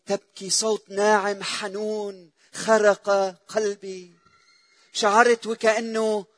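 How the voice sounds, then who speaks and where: A man voicing a grieving, lonely widowed mother who speaks softly and tenderly. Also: high-pitched.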